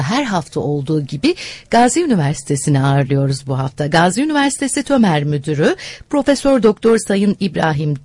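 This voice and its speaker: Lively, husky-voiced woman hosting. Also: medium pitch, no echo. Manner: courteous, effusive welcoming. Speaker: programme host. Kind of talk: broadcast interview hosting.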